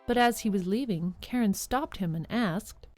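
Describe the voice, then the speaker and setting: In a medium-pitched, darkish voice at normal speed, a woman narrates a scripted radio serial like a storybook, recapping it and speaking straight to the audience. Jingling-bell music plays in the background.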